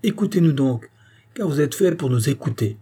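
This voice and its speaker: A man voicing a burly butcher who booms accusations at a king in a storybook reading. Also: fairly even intonation, normal speed, mellow, husky. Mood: menacing. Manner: booming, accusing, commanding. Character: loud threatening butcher, burly man with a booming voice.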